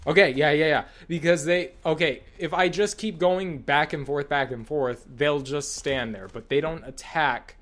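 A man's voice: a little high, normal speed, few pauses, fairly bright tone. A man giving casual, exasperated, sweary commentary while he plays a horror video game. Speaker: gamer commentating on own play.

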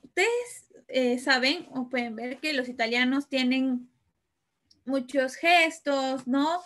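A woman's voice: high voice, fairly bright tone. A woman giving an informal talk, explaining patiently and tagging her sentences with questions to the audience. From Peru. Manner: explains patiently with many fillers and "¿no?" tags. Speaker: lecturer on Italian customs.

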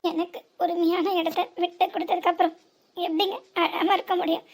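A woman's voice: very high-pitched, fairly even intonation, normal speed. Woman playing a wounded, reproachful cartoon wife. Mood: hurt. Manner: reproachful questioning. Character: wounded young wife, bitter and tearful. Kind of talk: cartoon voice acting.

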